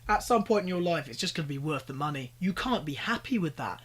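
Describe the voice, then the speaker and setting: A young British commentary YouTuber rants in exasperated reaction, pleading with the people on screen. His voice is a little high, fast and animated, with a fairly bright, husky tone.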